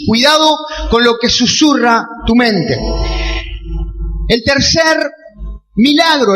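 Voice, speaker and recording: A man with a Rioplatense Argentine accent, preaching a sermon as a pastor, often shouting key phrases with passion. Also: very high-pitched. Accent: Rioplatense Spanish. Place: church hall. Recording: long church reverb, faint music behind.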